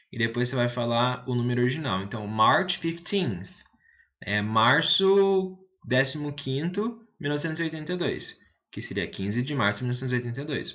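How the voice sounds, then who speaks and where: A man's voice: mid-range voice, a bit bright, highs cut off. A man teaching English to viewers, explaining patiently, repeating words and checking in with his listeners.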